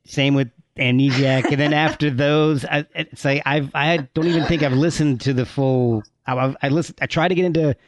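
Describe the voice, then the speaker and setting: A man's voice: fairly high pitch, fairly even intonation, normal speed, few pauses. A man hosting a casual interview, chatty and often repeating words as he starts a sentence. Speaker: podcast host.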